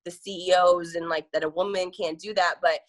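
Casting: young adult woman, relaxed interview guest, rambling and laughing, lower voice. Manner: chatty, fast, filler-heavy with frequent "like" and laughs. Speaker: event promoter, guest. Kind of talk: casual interview chat.

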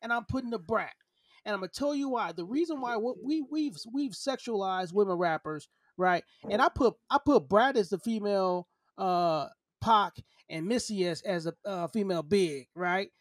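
A high-voiced man in his thirties holds forth on a casual podcast. He is opinionated and emphatic, circling back over his words to press a point. The sound is close and dry. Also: normal speed, no room sound. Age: 30s. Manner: emphatic, opinionated, repeats himself. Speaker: podcast co-host. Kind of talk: casual opinionated debate chat.

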